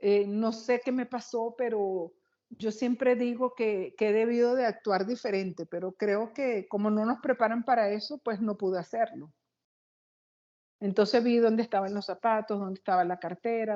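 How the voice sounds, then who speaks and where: A woman being interviewed as a guest, telling a personal story in an animated, quick, excitable way. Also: mid-range voice, lo-fi sound.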